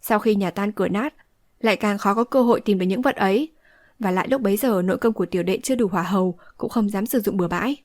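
A woman's voice: mid-range voice, quick pace, no echo, natural voice. A woman reading the part of a resolute young swordswoman who speaks firmly and decisively, in a dry close recording. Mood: explaining. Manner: firm, decisive speech. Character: young heroine, resolute and fierce-tempered.

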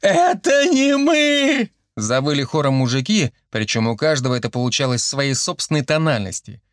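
A man narrating an audiobook in an expressive, lively way. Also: mid-range voice, fast, no room sound, clean studio sound.

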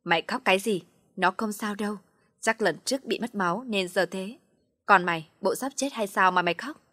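A woman's voice: on the low side, steady tone, a little fast, fairly bright tone, dry recording, clean studio sound. A woman doing a blunt, scolding older aunt. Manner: harsh, scolding.

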